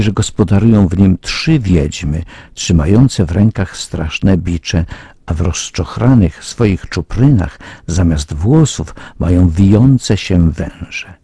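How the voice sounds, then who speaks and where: A man reading a moral fable aloud in a measured, solemn, earnest storytelling manner. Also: deep voice, dark tone, breathy edge, no echo, clean studio sound.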